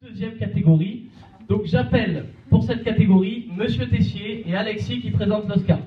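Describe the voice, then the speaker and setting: Young man hosting a student awards night with teasing jokes, pushing the crowd to cheer louder. His voice is fairly high and heard from far away in a reverberant hall. The sound is a bit dull, with crowd and music around him. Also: normal speed. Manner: teasing, prods the audience for noise. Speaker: ceremony host. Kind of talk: joking live event hosting.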